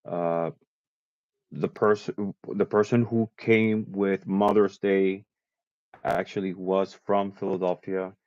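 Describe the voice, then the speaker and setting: A man's voice: low-pitched, level tone, slow pace, darkish tone, no room sound, highs cut off. A man of about fifty from Puerto Rico, a guest in a casual chat, talking at length and listing facts one after another. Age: around 50. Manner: chatty, lists facts at length.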